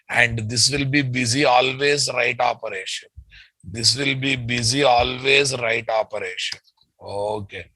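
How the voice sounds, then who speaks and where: Male tech trainer, Telugu Indian accent. Deliberate, repetitive delivery, slightly husky, close dry sound. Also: medium pitch, bright, forceful tone, no echo, rough recording. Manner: repetitive, often addressing students as "guys". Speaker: software trainer. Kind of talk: live technical lecture, drawing and explaining step by step.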